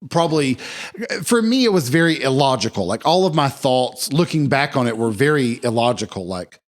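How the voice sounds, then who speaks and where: A man's voice: mid-range voice, animated, a little fast. A man co-hosting a podcast in casual chat, talking hesitantly and repeating words as he searches for them. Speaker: podcast co-host.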